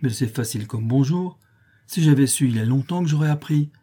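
A man's voice: medium pitch, animated, brisk, warm tone, breathy edge. A man reading a storybook, voicing a proud, stubborn boy who brags and mocks his friends. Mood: boastful. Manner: bragging, scornful. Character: boastful boy pirate captain, proud and stubborn.

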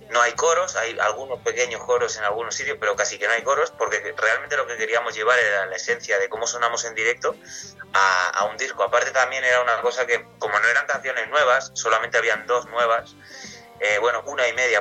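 Interviewed on radio, a male singer from Castilla-La Mancha, Spain, answers at length, rambling casually and often restarting. His mid-range voice sounds pushed and bright, and the recording quality is low.

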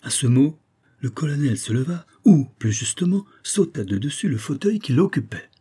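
A man narrating an audiobook in a measured, steady reading. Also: on the high side, slightly rough.

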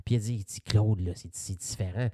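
A man with a Québécois French accent chats on a podcast, animated and swearing as he tells his stories. His voice sits dry and close to the mic. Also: fairly low pitch, a little fast, slightly rough, no room sound. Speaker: podcast co-host. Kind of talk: casual chat.

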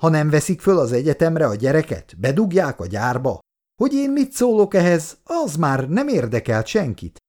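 A man voicing a proud, easily upset young woman in a read-aloud story who bursts out indignantly, pitched high. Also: wildly swooping pitch, vocal fry, hardly any pauses, mellow, slightly rough, heavily acted. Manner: indignant outbursts.

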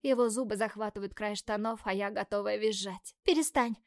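A woman narrates a first-person audiobook with lively, expressive delivery and breathy whispers. Her voice sits in a middle pitch. The recording is dry, with no room sound. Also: a little fast, no echo.

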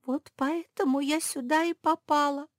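Brief: remorseful young pug in a children's storybook, read by a woman, very high voice. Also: normal speed, dry recording, clean studio sound, natural voice. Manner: apologetic, excitable.

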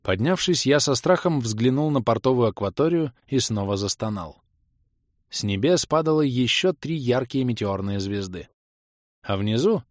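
A man narrating a first-person fantasy game audiobook in a dramatic, steady storytelling manner. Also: medium pitch, no room sound, clean studio sound.

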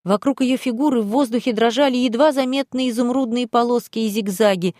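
A woman's voice: a little high, brisk, a little mellow, dry recording, clean studio sound. A woman reading a first-person story aloud in a dramatic, tense way. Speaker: audiobook reader. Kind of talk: first-person audiobook narration.

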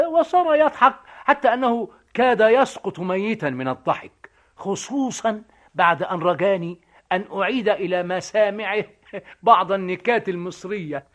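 A man's voice: high-pitched, lively intonation, moderate pace, a bit bright. A man acting a cheeky, witty Egyptian vagabond in a stage comedy, joking and mocking. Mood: sly. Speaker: stage actor.

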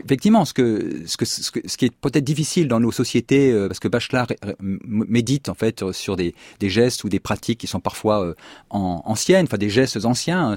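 A man speaking as a philosopher guest on a radio show, halting and restarting while he searches for words. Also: on the low side, darkish tone, no echo, studio quality. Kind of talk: radio discussion.

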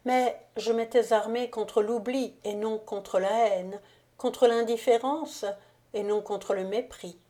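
A woman reading a wronged young countess, speaking firmly and assuredly, slow and mellow. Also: on the high side, steady tone. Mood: reproachful. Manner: firm, assured. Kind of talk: audiobook character reading.

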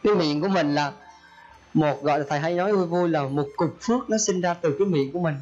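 A man's voice: a little high, quick pace, a little mellow, lo-fi sound, soft background music. A male Buddhist monk giving a folksy sermon, often acting out the people he quotes. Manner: folksy, acts out quoted speech. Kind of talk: Dharma talk sermon.

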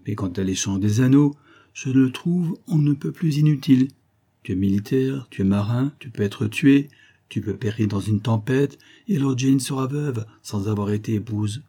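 A man reads a classic novel aloud in a dark, husky voice. He raises his pitch to act out each character's lines, so the dialogue sounds lively. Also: moderate pace. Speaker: audiobook reader. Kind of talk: scripted narration of a classic novel.

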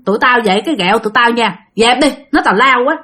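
A woman's voice: a little high, expressive, racing, sharp tone. A woman voicing a group of skeptical male workers teasing a friend. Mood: scoffing. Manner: teasing, scoffing. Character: mocking rough male workmates.

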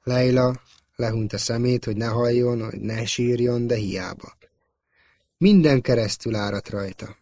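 A man narrating an audiobook in a measured, soft-spoken way. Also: mid-range voice, no room sound, clean studio sound. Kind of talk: scripted narration.

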